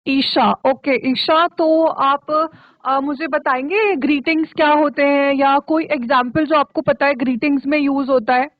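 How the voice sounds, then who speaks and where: High-voiced woman teacher on a tinny line. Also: fairly even intonation, measured pace, dry recording. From Uttarakhand, India. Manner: patient, checks often with "okay?". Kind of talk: online spoken English class for children. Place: studio for a virtual classroom. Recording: tinny, dry, phone-like line.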